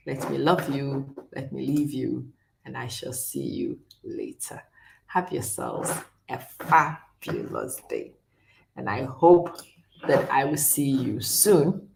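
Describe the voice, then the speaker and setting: A woman's voice: extremely low pitch, creaky, slight background noise. A middle-aged woman from Ghana hosting a chatty live stream, talking directly to viewers and often laughing. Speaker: host.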